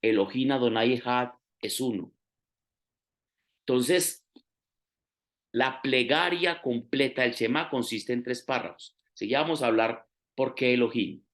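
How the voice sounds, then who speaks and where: Preacher, male, mid pitch, patient teacherly delivery. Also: unhurried. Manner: teacherly, explains step by step, rising emphasis on key phrases. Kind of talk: sermon.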